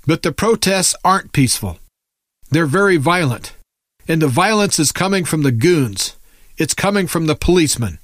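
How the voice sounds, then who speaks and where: Male commentator, slightly high-pitched, for an alarmed conspiracy-minded rant; emphatic, indignant, dry recording. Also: fairly bright tone, no room sound. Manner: emphatic, preachy, rhetorical questions. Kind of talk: impassioned political rant, monologue.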